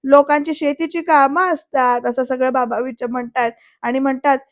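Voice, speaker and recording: A woman with a Marathi accent tells a serial episode back as voice-over, speaking right to her viewers. Her voice sits high, and the recording is dry and a little dull, with no room sound. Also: moderate pace, no echo. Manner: lively storyteller, addresses viewers directly. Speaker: serial recap narrator. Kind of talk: voice-over episode recap with acted quotes.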